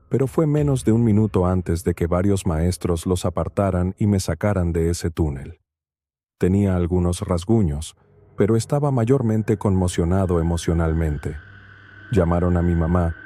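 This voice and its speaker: In a calm, steady reading, a man narrates a horror story told in the first person. His voice sits low, and the tone is very dark and mellow.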